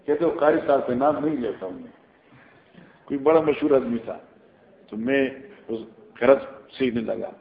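A man's voice: mid-range voice, creaky, long pauses. A man with a Pakistani Urdu accent teaching scripture in a classroom lecture, explaining the Arabic text line by line and telling stories as he goes. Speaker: hadith teacher. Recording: roomy, dull lo-fi recording.

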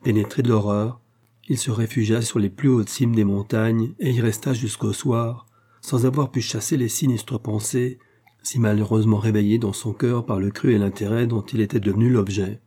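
A man narrating a classic novel as an audiobook in a measured, even way. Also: on the low side, husky. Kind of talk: scripted literary narration.

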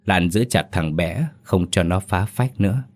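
A man narrating a dramatic story in a steady storytelling manner. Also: low voice, unhurried.

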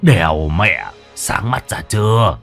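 A man voicing a gruff, bossy older male village undertaker who scolds the mourners. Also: sits low, sing-song, slow pace, fairly bright tone, faint music behind, exaggerated voice. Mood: brusque scolding. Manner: brusque, scolding.

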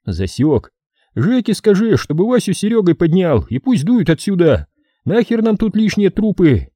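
A man voicing a quick-witted, cool-headed captive who talks hurriedly and flatly in an audiobook. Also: sits high, no room sound, studio quality, pitched above the performer's own voice. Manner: hurried, flat. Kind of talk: audiobook character reading.

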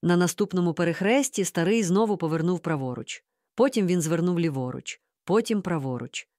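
Woman narrator for a storybook audiobook, animated pitch, dry close mic. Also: a little fast, no echo. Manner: lively, expressive first-person storytelling. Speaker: audiobook reader.

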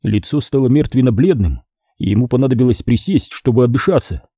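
A man reads an audiobook with a dark, husky voice, his pitch rising and falling a lot. The sound is dry and close, with no room around it. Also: a little fast, no room sound. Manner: lively, expressive reading. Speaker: audiobook narrator. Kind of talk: scripted narration.

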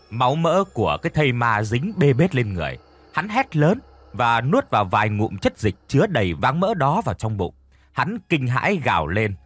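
A man's voice: mid-range voice, a bit bright, breathy edge. A man narrating a horror story in a vivid, dramatic style.

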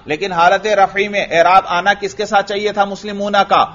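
A man's voice: high voice, steady tone, fairly bright tone. A man teaching an Arabic grammar lesson to a class. He asks his students questions, answers them himself and repeats the key words. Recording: dull lo-fi lecture recording.

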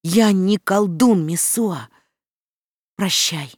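A defiant wolf-raised boy, as an audiobook reader plays him, commanding and mocking by turns. He speaks raised and loud, a little above the reader's usual pitch. The recording is dry and close. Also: extremely slow, no echo. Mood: scornful.

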